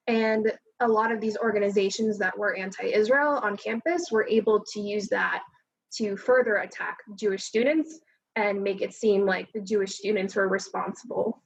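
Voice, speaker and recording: A woman's voice: medium pitch, vocal fry, husky, lo-fi sound. A young woman speaking as an alumna on a panel discussion, earnest and organized, over a video call.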